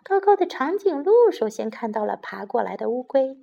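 A woman's voice: high-pitched, sing-song, moderate pace, gravelly, dark tone, muffled recording. A woman narrating a bilingual children's story, telling it in Chinese and repeating the English lines.

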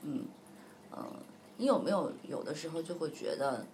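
A woman's voice: low voice, lively intonation, moderate pace, a little mellow, a little hiss or hum. Chatty woman telling a fairy tale. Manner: chatty, hesitant, many fillers. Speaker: storyteller. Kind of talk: casual storytelling.

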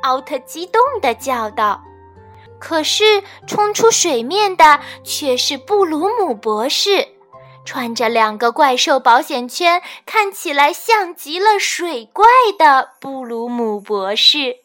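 A woman reading a children's storybook aloud, expressive and measured. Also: high-pitched. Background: faint children's music.

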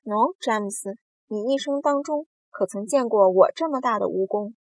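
A woman voicing a boastful, cheeky male giant centipede in a storybook reading, bragging and teasing loudly. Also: fairly high pitch, normal speed, no echo.

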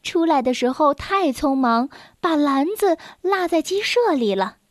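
A woman narrates a children's storybook, clear and expressive. Her voice sits high. The recording is close and dry. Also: a little slow, no echo.

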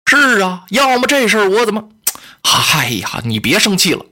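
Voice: mid-range voice, very animated, moderate pace, pushed and bright. A storyteller voicing a sly, blustering male general who fawns over his lord while plotting. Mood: eager. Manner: fawning toward his lord, crafty. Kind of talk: traditional storytelling.

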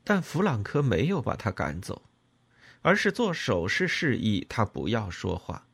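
A man narrating an audiobook in an expressive, emotional storytelling manner. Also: on the low side, unhurried, vocal fry, breathy edge.

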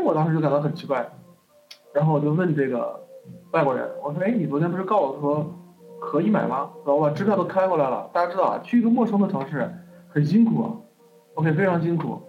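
A man lecturing, telling a personal story in an animated way and often tagging his sentences with "OK". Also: on the high side. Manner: animated, peppers speech with "OK". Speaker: lecturer on going abroad. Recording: phone-like narrow band with faint music.

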